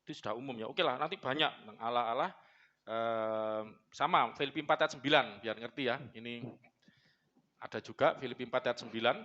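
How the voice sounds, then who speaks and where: Blunt, joking pastor. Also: male voice, mid-range voice, fairly quick, sharp tone, highs cut off. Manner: joking, blunt, mixes in Javanese phrases. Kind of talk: sermon. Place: church.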